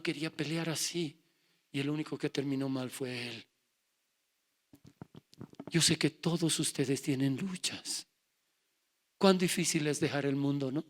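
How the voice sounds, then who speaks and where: A middle-aged male pastor giving a sermon, telling his testimony and acting out his family's voices. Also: fairly high pitch. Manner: acts out family dialogue in raised voices.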